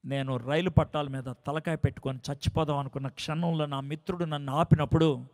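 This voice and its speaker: A man preaching a sermon as a dramatic story, swinging from soft, hushed lines to loud climaxes. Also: on the high side, fairly even intonation, brisk. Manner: acts out quoted dialogue in story.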